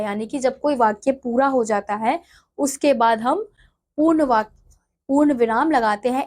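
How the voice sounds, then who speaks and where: A woman teacher reading from a textbook and then explaining it in her own words, often going back to repeat or correct herself. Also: a little high. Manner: self-correcting, repeats phrases.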